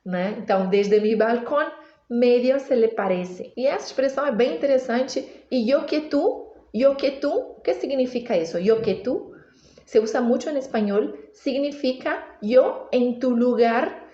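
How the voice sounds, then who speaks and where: A woman's voice: fairly high pitch, warm tone, echoey room. Woman teacher, native Portuguese speaker, walks through lyrics patiently, slightly dull sound. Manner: patient, repeats words slowly for practice. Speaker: Spanish teacher. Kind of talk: explaining song lyrics in a language lesson.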